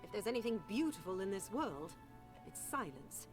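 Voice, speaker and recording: A woman's voice: mid-range voice, sing-song, moderate pace, over music, natural voice. An actress voicing a cold, cutting woman warrior in a video game, curt and disdainful.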